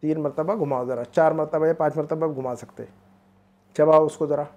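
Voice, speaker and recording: A man teaching Arabic. He drills phrases slowly, then explains quickly. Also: on the high side, fairly even intonation, dark tone, dull audio. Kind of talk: one-on-one language lesson.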